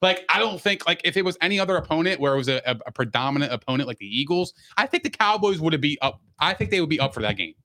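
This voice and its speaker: A man's voice: a little high, lively intonation, very fast, hardly any pauses, bright, forceful tone. A man casually but insistently debating sports as a podcast co-host, repeating points for emphasis with slangy, profane language.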